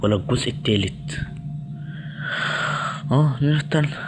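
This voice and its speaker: A young man with an Egyptian Arabic accent talks his way through a horror game, jumpy and muttering prayers under his breath. His voice sits in an ordinary middle pitch. A faint hiss runs beneath his voice. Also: a little fast. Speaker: gaming channel host.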